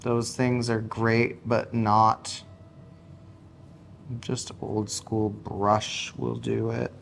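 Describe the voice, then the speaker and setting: Slow, calm male hairstylist explaining technique. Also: on the low side, gravelly, a little hiss or hum. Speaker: hairstylist and makeup artist. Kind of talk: step-by-step tutorial narration.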